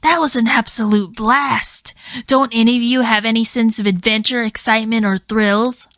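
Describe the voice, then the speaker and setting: A woman's voice: on the high side, fairly even intonation, moderate pace, a bit bright, no echo, lightly acted. A woman voicing a fearless, thrill-seeking young girl in a storybook, talking in a bold, insistent way.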